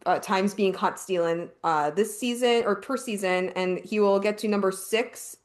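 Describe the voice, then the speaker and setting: A woman hosting a casual sports podcast, reading out stats, stopping to correct herself and laughing along. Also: mid-range voice. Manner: reads numbers haltingly, self-corrects, laughs often.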